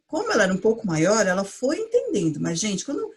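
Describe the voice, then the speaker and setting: A woman educator giving casual advice to parents, chatty and full of fillers, sometimes acting out gentle lines a mother says to her child. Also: mid-range voice, huge pitch swings, fast, slightly rough. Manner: chatty, uses many fillers like "entendeu" and "tipo assim".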